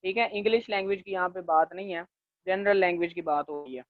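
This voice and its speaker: A male linguistics lecturer teaching a class, leaning on fillers and checking in often, and slowing down to dictate definitions. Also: high voice, no echo. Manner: leans on the filler "jo hai na" and checks in with "theek hai"; slows down to dictate English definitions. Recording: tinny, dry, phone-like recording.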